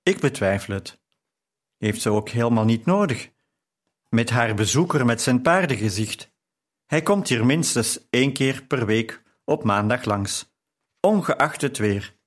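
A man's voice: mid-range voice, lively intonation, unhurried. A man voicing a brash, gossipy shopkeeper who chats and flirts forwardly in an audiobook. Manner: chatty, leering.

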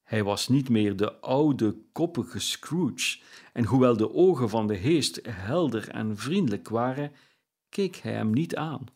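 A man reading a classic story aloud as an audiobook narrator, measured and deliberate. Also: mid-range voice, animated, darkish tone.

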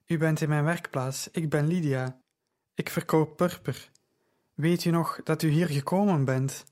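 A man voicing a young woman who sells purple dye, speaking in a gentle, reassuring and knowledgeable way. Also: low voice, fairly even intonation, measured pace. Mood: calm reassuring. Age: young adult.

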